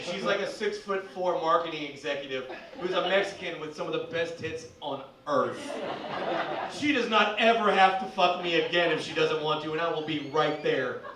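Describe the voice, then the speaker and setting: A male stand-up comedian, doing a loud, profane set that swings into shouted bits on a comedy club stage. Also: fairly high pitch, moderate pace, echoey room, recorded from a distance, very noisy.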